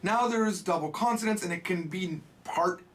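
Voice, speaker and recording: A man's voice: high voice, normal speed. A man giving a casual Japanese lesson, with playful, jokey asides. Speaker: Japanese teacher.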